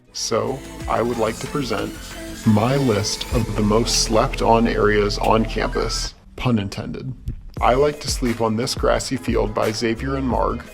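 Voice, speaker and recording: A jolly big-bellied mascot creature speaks through a voice changer, played by a man. The disguised voice has a gravelly, crackly grain at an ordinary middle pitch. He keeps things upbeat and jokey. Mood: playful. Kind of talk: scripted campus safety video.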